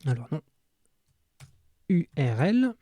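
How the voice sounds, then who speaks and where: A man's voice: a little high, very animated, takes it slowly, dark tone, no echo. Man explaining code in a dry screencast. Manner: explanatory, addresses viewers, frequent fillers. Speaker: developer tutorial host. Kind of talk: screencast coding tutorial.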